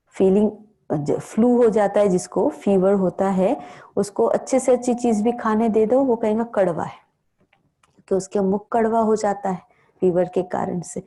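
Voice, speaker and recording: Woman teaching a spiritual class, soft mellow voice, tells little stories, lots of na and hmm. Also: medium pitch. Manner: storytelling, asks the listeners questions; many filler "na" and "hmm" tags. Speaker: Brahma Kumaris spiritual teacher.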